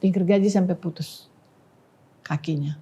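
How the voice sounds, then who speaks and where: A woman giving an emotional personal testimony on a talk podcast, dropping to a hush when she quotes prayers. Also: lowish voice, fairly even intonation, normal speed, slightly rough. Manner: emotional storytelling, quoting prayers softly. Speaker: podcast guest.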